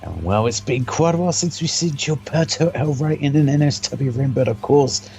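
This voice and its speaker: A man gives live play-by-play as a wrestling co-commentator. His mid-pitched voice has a creaky, gravelly edge, and music plays underneath. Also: animated, moderate pace, dark tone.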